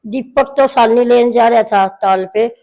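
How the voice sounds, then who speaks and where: A woman's voice: on the high side, unhurried, a little mellow, poor audio. A middle-aged woman, the mother-in-law in the story, recounting a family quarrel to a reporter, narrating at length and quoting what each person said. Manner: long narration full of quoted dialogue.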